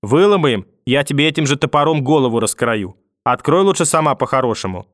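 A man's voice: medium pitch, lively intonation, moderate pace, no room sound, clean studio sound, lightly acted. A man reading an audiobook and voicing a furious, vicious old grandmother who scolds, curses and threatens. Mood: threatening.

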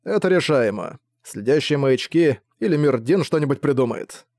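A man voicing a calm, diplomatic male superhero leader. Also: mid-range voice, dry recording, studio quality, lightly acted. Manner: measured, diplomatic.

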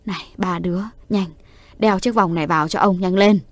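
Woman voicing a hushed, hurried old grandfather. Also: on the low side, steady tone, dry recording, lightly acted. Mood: urgent. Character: frightened grandfather, older man, gruff. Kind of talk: storytelling voice acting.

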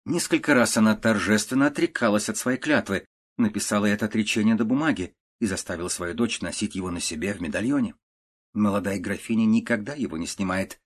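A male narrator reads an old prose tale in a steady, measured audiobook style. His voice sits on the low side. He keeps an even storytelling pace. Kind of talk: audiobook reading of classic prose.

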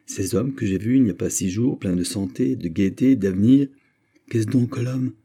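An earnest, reasoning courtier, as a male audiobook reader voices him, measured and sincere. The pitch lifts above the reader's own voice while the tone stays dark and mellow. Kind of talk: audiobook character reading.

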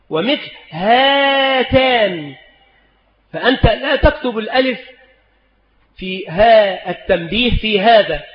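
Man scholar teaching a lesson, slow and deliberate, high-ish voice, dull old recording. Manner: slow, deliberate, spells out examples. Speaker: Islamic scholar teaching spelling rules. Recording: echoey hall, dull lo-fi sound.

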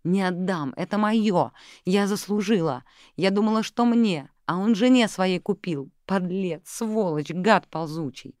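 A reader voicing a greedy young female secretary who shouts and mutters through clenched teeth. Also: medium pitch, animated, a little slow, dry recording, studio quality, voice pushed up, natural voice. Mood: furious. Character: furious young woman secretary, greedy and vengeful.

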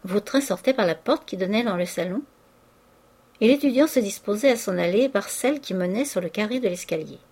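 A woman narrating a classic novel in a measured, even storytelling manner. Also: medium pitch, slightly rough. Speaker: audiobook narrator.

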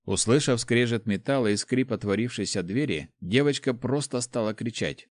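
A man narrating a first-person story as an audiobook, in an even, measured way. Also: medium pitch, no room sound, studio quality.

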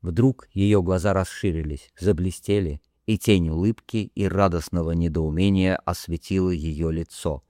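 A man narrating an audiobook in the first person, measured and grave, on a close studio mic. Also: deep voice, fairly even intonation, mellow, no room sound.

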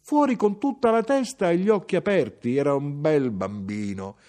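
A man reading aloud voices an older Sicilian mother who is brisk, proud and sharp-tongued, lifting his voice for her. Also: natural voice. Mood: brisk recounting. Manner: animated, raised pitch for the mother's lines.

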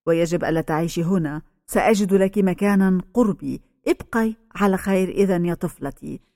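A woman's voice: lowish voice, fairly quick, mellow, no echo, studio quality, natural voice. A woman reading a grave old male pastor. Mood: gentle. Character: aging male village pastor, grave and stern.

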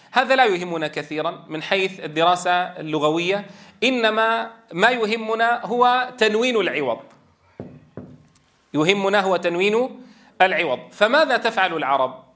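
A man with a high-pitched voice teaches a tajweed lesson to a class of men. His tone is bright and forceful. He explains step by step, repeats key points, and stretches vowels to show each rule. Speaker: Quran teacher trainer.

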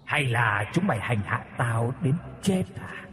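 A man voicing a cruel, vengeful female ghost in an audio horror story, speaking low, hushed and slow. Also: lively intonation, a little hiss or hum. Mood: vengeful, menacing.

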